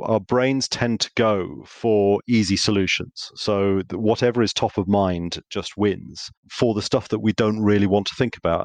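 A man, a podcast guest, explaining marketing in a relaxed way and acting out short dialogues as he tells anecdotes. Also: on the low side, no room sound. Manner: lively storyteller, acts out little dialogues. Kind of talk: conversational explaining.

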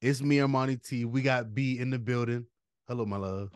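A man's voice: mid-range voice, a little fast, smooth, dry recording. Laid-back slangy man hosting a podcast. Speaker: podcast co-host. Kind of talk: casual sports chat.

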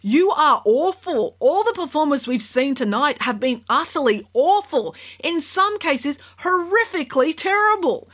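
A woman's voice: sits high, expressive, a little slow, few pauses, fairly bright tone, voice pushed up. Woman doing a scornful TV talent judge. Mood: exasperated. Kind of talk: storybook character reading.

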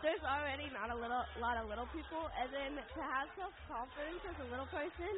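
A woman with a very high voice talks casually as a guest. Her speech is slangy and full of "like." The sound is tinny, like a phone. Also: quick pace, background noise. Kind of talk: casual interview chat.

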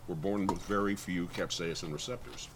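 A man, a guest expert on chili peppers from New Mexico, explaining in casual chat with many ums and pauses while his eyes water from the heat. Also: low voice, steady tone, noisy background. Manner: halting, many ums and uhs.

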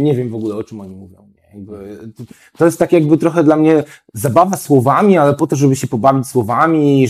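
A man's voice: mid-range voice, dark tone. A man chatting as a guest writer, talking in a hesitant, rambling way with many fillers and tag questions. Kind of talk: casual chat.

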